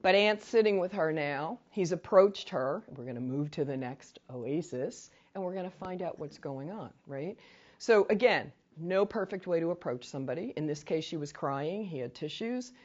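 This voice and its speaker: Speaking low and at a normal pace, a woman leads an informal training lecture in a meeting room; the highs in the audio are cut off. She chats freely and tells animated stories peppered with asides.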